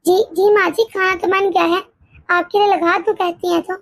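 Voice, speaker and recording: Meek pregnant daughter-in-law. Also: female voice, very high voice, flat delivery, normal speed, dry recording. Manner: meek, hesitant, stammering. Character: timid, exhausted pregnant young daughter-in-law. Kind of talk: animated storybook voice acting.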